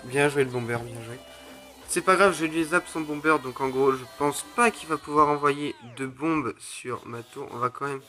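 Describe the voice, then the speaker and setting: Young male gamer, mid-pitched, narrates his matches with loud groans and cheers, quiet music bed. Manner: excitable, groans and exclaims at each play. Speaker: gaming YouTuber. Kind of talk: live mobile game commentary. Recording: faint music under the voice.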